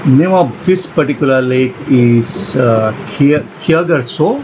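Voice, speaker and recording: Slow-talking Indian man on a windy road trip. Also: medium pitch. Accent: Indian English. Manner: slow, descriptive, with pauses and fillers. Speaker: travel vlogger. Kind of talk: road trip vlog narration. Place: outdoors by high mountain lakes, windy. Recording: wind noise on the mic, muffled.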